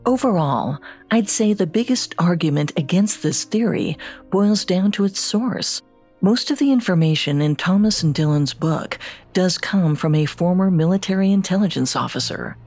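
Husky woman narrating true crime. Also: fairly low pitch, darkish tone. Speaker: podcast co-host.

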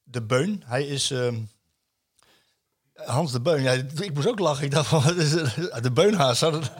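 A man's voice: a little high, animated, normal speed, husky. Man reading a column aloud. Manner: hesitant, many fillers, chuckles while reading. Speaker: football radio show host.

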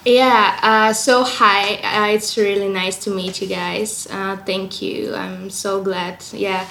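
A young woman from Bulgaria with a Bulgarian accent, speaking English as a second language in a casual interview, often pausing to search for words. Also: mid-range voice, little pitch movement, gravelly, fairly bright tone, a little hiss or hum. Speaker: guest singer-songwriter. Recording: roomy echo.

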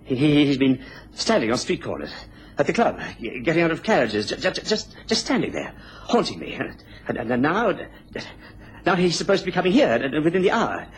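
An actor playing a cowardly, scheming gentleman with a bullying streak in a radio drama, agitated and given to stammering. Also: a little high, very animated, a little fast, slight background noise. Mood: panicked.

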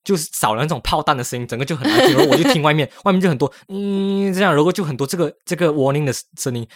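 A man chatting on a podcast, his voice a little higher than most men's. He rushes through his story with a pitch that jumps all over the place. He laughs often and mixes in English words as he goes. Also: sing-song, dry recording, studio quality. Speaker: podcast co-host. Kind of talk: casual storytelling chat.

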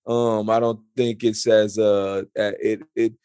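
Halting man in his forties, dry sound. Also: fairly low pitch, flat delivery, mellow, clear, resonant tone, dry recording. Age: 40s. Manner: halting, repeats words and restarts often. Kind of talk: casual chat.

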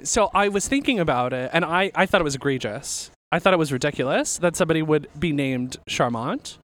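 A man's voice: fairly high pitch, lively intonation, fairly quick, a bit bright. A young man co-hosting a podcast on a rooftop, chatting casually, rambling and laughing often. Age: young adult. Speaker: podcast co-host. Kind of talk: casual chat. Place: outdoor rooftop balcony.

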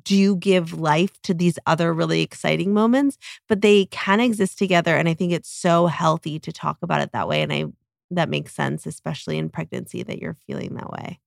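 Low, gravelly-voiced woman podcast host. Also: fairly quick, no room sound, clean studio sound. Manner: conversational, reassuring, many fillers. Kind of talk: casual chat.

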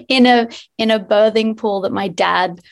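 A woman's voice: a little high, unhurried, creaky. A woman in her thirties, a singer-songwriter, talking in an effusive, enthusiastic way as a guest on a podcast over a video call. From Australia. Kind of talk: casual interview chat. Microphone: remote video call.

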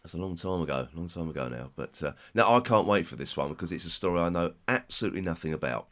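Croaky, deep-voiced British man hosting a podcast. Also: expressive, fairly bright tone. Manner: halting, rambling delivery. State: chest infection, hoarse with a cold. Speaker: podcast host. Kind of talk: casual podcast chat.

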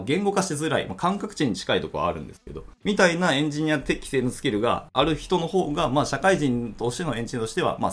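A man in his thirties, a programming instructor hosting a casual solo podcast, thinking aloud with lots of fillers. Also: mid-range voice. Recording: faint background music.

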